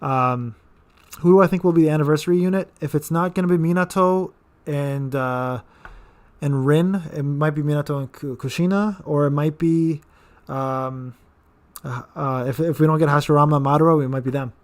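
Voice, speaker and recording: This gaming channel host, a man in his thirties, speaks at a normal speed in a voice on the high side. He's running a casual live-stream Q&A, rambling along with repeated words and fillers.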